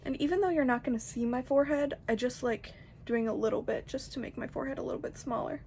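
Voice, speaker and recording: A woman's voice: high voice, fast talker, vocal fry, a little mellow, a little hiss or hum. A young woman giving a casual, chatty tutorial, rambling informally with lots of "like". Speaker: makeup tutorial host.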